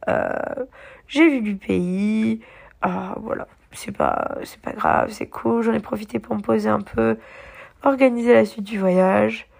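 A woman's voice: medium pitch, creaky. A young woman vlogging her travel day in a casual, rambling way, full of fillers and restarts, with a slight cough from being a bit sick. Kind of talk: casual travel diary vlog.

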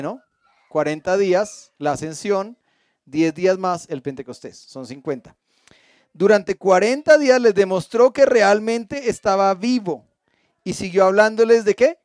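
A man with a high-pitched voice leads a church Bible study, recorded close and dry. He keeps checking in with his listeners through questions as he reads and explains, and he slips in playful jokes. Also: a little mellow, dry recording. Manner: asks the audience frequent questions; reads a passage aloud and stops to explain.

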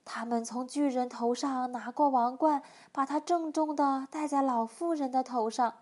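A woman reading a children's picture book aloud in a lively, expressive storyteller manner. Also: sits high, normal speed.

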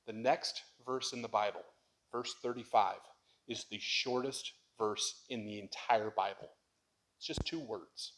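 A man's voice: lowish voice, unhurried. Man preaching a conversational sermon. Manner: conversational preaching, swings to loud impassioned lines. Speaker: pastor.

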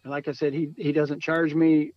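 A man's voice: on the high side, flat delivery, normal speed, no echo, dull audio. A man from Michigan talking casually about hunting gear, rambling and repeating words, laughing often. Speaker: podcast guest, coon hunter. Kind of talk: casual chat.

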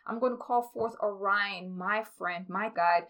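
A woman guiding a meditation in a calm, soothing, meditative manner, as a spiritual podcast host. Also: medium pitch, unhurried. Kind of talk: guided meditation.

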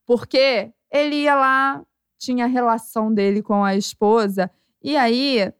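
A Brazilian woman co-hosting a podcast, chatting casually in a lively way with swearing and frequent laughter. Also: a little high, measured pace, clean tone, no room sound, clean studio sound. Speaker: podcast co-host. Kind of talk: casual chat.

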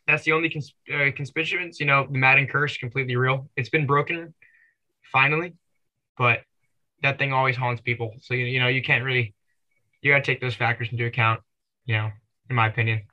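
A man co-hosting a sports talk podcast. His voice is very bright and sharp, and he strings his opinions together loosely with plenty of "you know.". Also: mid-range voice, fairly even intonation, fairly quick, pauses often, muffled recording. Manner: rambling, full of "you know" fillers. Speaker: podcast co-host.

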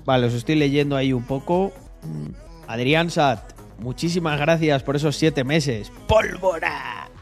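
A man's voice: fairly high pitch, unhurried, vocal fry. Man, Spanish accent, young adult, casual livestream talk, emphatic and repetitive, faint background music. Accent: Spain. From Spain. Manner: emphatic, repeats words, swears freely. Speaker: streamer.

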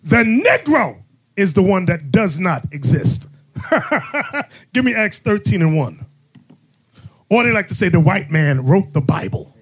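A man acting as bishop and host, preaching in a fiery way, mocking and often shouting. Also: high-pitched, big pitch swings, a little slow, husky.

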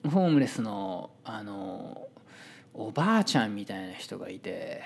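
A man's voice: lowish voice, very animated, a little slow, creaky, a little mellow, slightly rough. A man with a Kansai Japanese accent telling a story in a casual, chatty monologue and acting out the voices of people he quotes.

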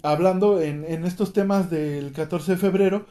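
A man's voice: high-pitched, moderate pace, warm tone. A man with a Mexican accent hosting a casual chat, prompting with questions and dropping joking quips. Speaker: host.

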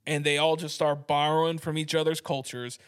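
A young American man hosts a podcast, riffing and ranting with irreverent, profane energy. His voice sits high for a man and rings bright, tipping into bursts of excitement. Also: fairly quick, clear, resonant tone. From United States. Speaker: podcast host. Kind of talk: casual podcast chat.

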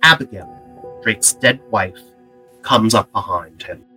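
A man's voice: fairly low pitch, takes it slowly, sharp tone. A man delivering scripted dramatic narration for an audio drama, with music behind him. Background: background music.

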